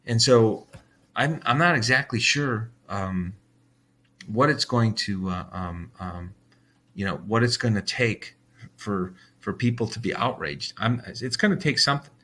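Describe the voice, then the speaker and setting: A man's voice: on the low side, unhurried, pushed and bright, a little hiss or hum. An American man hosting a daily bible reading, talking in a heated, blunt way with swearing and many restarts. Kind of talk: ranting casual monologue.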